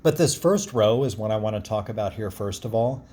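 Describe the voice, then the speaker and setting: Gruff low-voiced man reading cards. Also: expressive, fairly quick, dark tone. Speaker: card reader. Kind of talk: casual card-reading narration, explanatory.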